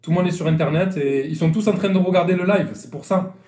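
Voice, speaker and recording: A man's voice: sits high, fast talker, a little mellow, reverberant. A man with a Marseille accent, a sailing coach chatting loosely through a live-stream lesson, often repeating and restarting his phrases. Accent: Marseille French. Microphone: live-stream phone or webcam.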